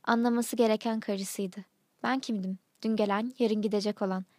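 Calm woman reading a literary story. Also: mid-range voice, no room sound, studio quality. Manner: calm, measured narration.

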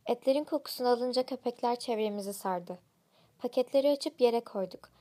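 A woman's voice: fairly high pitch, fairly quick, dark tone. A woman reading a first-person story aloud, in blunt, slang-laden narration.

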